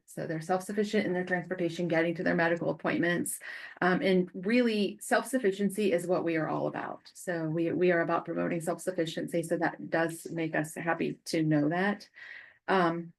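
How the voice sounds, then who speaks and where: An American woman giving an informational presentation at a public meeting as a county job center staffer. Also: on the low side.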